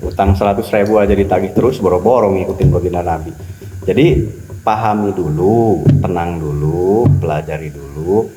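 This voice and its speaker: A man talking as a spiritual teacher on a podcast, animated and preachy, repeating key phrases for emphasis. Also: deep voice, moderate pace, noisy background. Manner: acts out quoted voices. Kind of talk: podcast religious talk.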